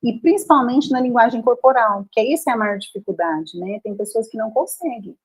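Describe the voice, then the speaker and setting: Husky-voiced Brazilian woman explaining at length. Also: a little high, a little fast, rough recording. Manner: explanatory, often adds tag questions. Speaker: speech therapist. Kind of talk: live conversation, explaining.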